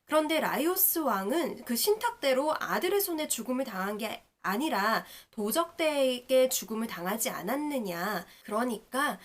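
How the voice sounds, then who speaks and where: A woman actor explaining a classic play in an animated storytelling lecture, acting out the characters' lines as she goes. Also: on the high side, normal speed, few pauses.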